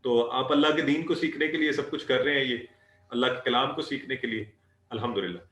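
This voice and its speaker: A man's voice: mid-range voice, fairly quick, fairly bright tone. A man teaching a live online Arabic lesson, patiently repeating and drilling phrases. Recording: echoey room, voice a bit distant.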